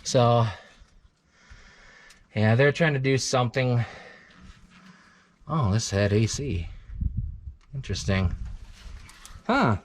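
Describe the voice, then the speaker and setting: Man, casual vlog host, rambling, thinking out loud, many fillers, middle pitch, faint background noise. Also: takes it slowly, pauses often. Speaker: channel host.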